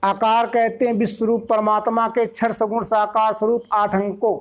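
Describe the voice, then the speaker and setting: A spiritual teacher giving a discourse, explaining slowly and drawing out single syllables with care. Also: mid-range voice, flat delivery.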